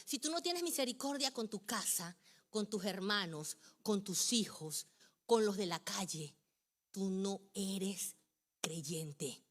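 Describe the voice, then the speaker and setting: A middle-aged woman pastor preaching a sermon with passion, moving from hushed phrases up to near shouting. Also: medium pitch, expressive, takes it slowly.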